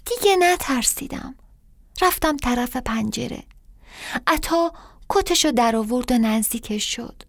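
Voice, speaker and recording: A woman's voice: fairly high pitch, expressive, creaky, dry recording, studio quality. A woman reading her own story aloud dramatically, sometimes dropping to a whisper. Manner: dramatic, drops to a whisper at times. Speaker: storyteller and author. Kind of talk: scripted story narration.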